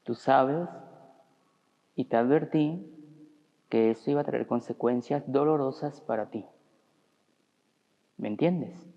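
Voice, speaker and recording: A priest voicing a stern but loving father who gives firm, measured warnings in a sermon story. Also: mid-range voice, creaky, warm tone, big-room sound, highs cut off.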